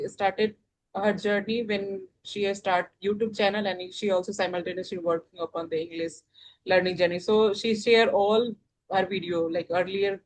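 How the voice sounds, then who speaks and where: A woman with an Indian accent, an English learner, talking casually about how she practises listening, pausing often with fillers and restarts. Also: medium pitch, a little mellow, a little hiss or hum, low-quality recording. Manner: hesitant, many fillers and restarts.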